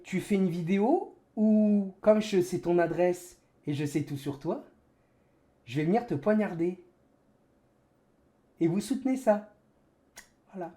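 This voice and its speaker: A raging gamer man rants on his livestream in an indignant, sarcastic way. His intonation is lively and swings widely, and he repeats phrases for emphasis. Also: high voice. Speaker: livestreamer, sim racing gamer. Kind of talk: angry livestream rant.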